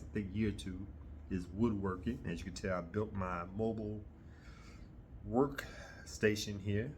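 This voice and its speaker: A middle-aged man chatting casually to his viewers in a rambling, halting way, often pausing mid-sentence. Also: lowish voice, a little hiss or hum. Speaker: host of a hobby video channel. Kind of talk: casual rambling vlog chat.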